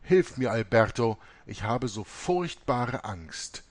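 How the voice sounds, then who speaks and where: A man's voice: medium pitch, sing-song, slow, no room sound. A man reading aloud voices a young dying mother who is terrified of visions and begs her son for help in panicked, shrieking pleas. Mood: frightened pleading.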